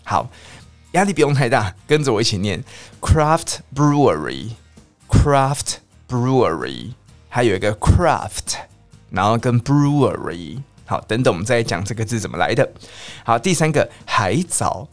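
Lively male English teacher, Taiwanese Mandarin. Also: mid-range voice, soft background music. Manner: lively, drills pronunciation slowly and repeats words. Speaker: English teacher and podcast host. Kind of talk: bilingual English lesson podcast.

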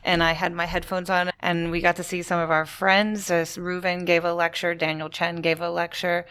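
Lady co-hosting a teaching podcast, smooth clear voice, a bit low, casual chat. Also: level tone, normal speed, a bit bright.

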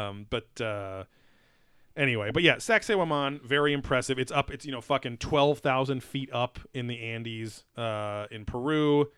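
A podcast co-host reviews a TV show in loose, profane chat, his medium-pitched voice bright, forceful and smooth at a normal speed. He rambles with plenty of fillers and restarts, and the sound is dry and close.

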